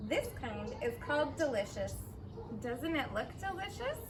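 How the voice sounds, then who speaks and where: At normal speed and in a high, sing-song voice, a woman in her thirties or forties reads expressively to young children, drawing out words and asking simple questions along with asides. They're outdoors in a fenced backyard, and background noise comes through clearly.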